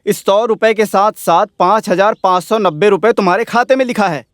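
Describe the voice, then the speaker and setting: A man's voice: high-pitched, brisk, no room sound, studio quality, natural voice. A male voice actor dubbing a stern, sarcastic village moneylender who scolds a debtor. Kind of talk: Hindi film dubbing.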